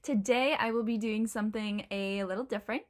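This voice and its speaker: A woman's voice: a little high, steady tone, fairly quick. A young woman hosting a casual video tutorial, explaining pronunciation step by step with examples and frequent ums. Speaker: host teaching accents.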